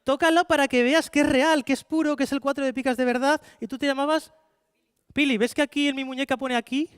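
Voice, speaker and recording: Male stage magician, Spanish accent, very high voice, brisk playful patter, dry close sound. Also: fairly even intonation, no echo. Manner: fast, playful showman, coaxing volunteers. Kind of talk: live card-magic show with audience volunteers. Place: conference hall with live audience.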